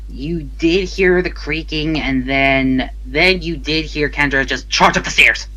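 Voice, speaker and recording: A man narrates a tabletop game as game master in a bright, forceful voice. He is casual and halting, with a giggly streak. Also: a little high, poor audio.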